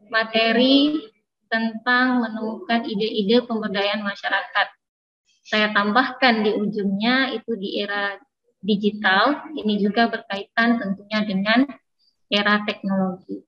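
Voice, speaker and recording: An Indonesian-accented woman speaking through a face mask, giving a semi-formal seminar talk in a conversational way that often checks in with listeners. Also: on the high side. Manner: conversational, frequently checking with listeners using tag phrases. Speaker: guest lecturer at an online seminar. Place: room on a university campus, on a video call. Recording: dull lo-fi video call audio.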